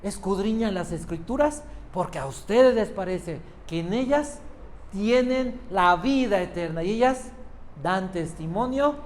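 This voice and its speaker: Un hombre predica un sermón con énfasis, repite frases y le hace preguntas a la congregación. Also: male voice, sits high, expressive, measured pace, a little hiss or hum. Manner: emphatic, repeats phrases, quizzes the congregation. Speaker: preacher. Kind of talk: sermon.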